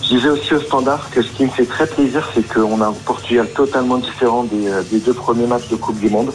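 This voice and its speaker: A man's voice: medium pitch, fairly even intonation, fast, soft background music, poor audio. A man calling in to a radio sports show, talking nervily with many hesitations. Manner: nervy, full of hesitations. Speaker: caller. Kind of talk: radio phone-in chat.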